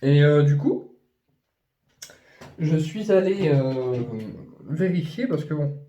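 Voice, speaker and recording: A man chatting casually about his new purchases, rambling with many fillers and restarts, and gushing when excited. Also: on the high side, slow, echoey room, lo-fi sound, slight background noise. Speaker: YouTuber showing his purchases. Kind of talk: casual unboxing chat.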